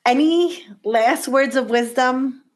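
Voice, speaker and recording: A woman from Chicago hosting a podcast, chatting in a relaxed way over a video call with lots of "like". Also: sits high, takes it slowly, crowd noise. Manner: relaxed, leans on fillers like "like". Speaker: podcast host. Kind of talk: casual interview chat.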